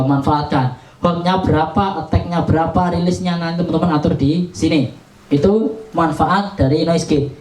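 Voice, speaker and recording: A man's voice: high-pitched, darkish tone. A man, chatting casually step by step through a product demonstration. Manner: chatty, explains step by step while pressing buttons. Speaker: audio gear seller demonstrating a mixer. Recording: roomy sound, mic at a distance.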